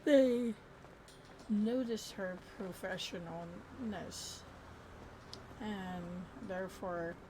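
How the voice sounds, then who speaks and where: A woman's voice: medium pitch, extremely slow, pauses often, background noise. A woman telling a roleplay character's story in a casual, rambling, informal way while gaming. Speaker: game streamer narrating roleplay character's story.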